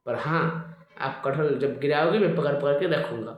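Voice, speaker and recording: A man's voice: fairly high pitch, moderate pace, natural voice. A man voicing a humble, fretful elderly male devotee who protests and pleads, recorded in an echoey room. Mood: pleading.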